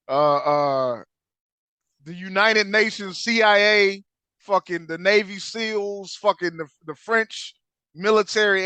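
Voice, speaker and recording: A man co-hosting a podcast, ranting loudly with slang and profanity in casual banter. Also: high voice, smooth, no echo. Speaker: podcast co-host.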